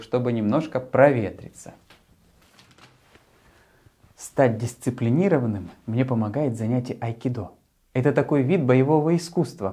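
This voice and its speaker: A man in his thirties presenting to a young child as a children's show host, speaking in a friendly, simple and deliberate way into a lapel mic. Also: medium pitch, warm tone. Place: small furnished room, later a martial arts hall.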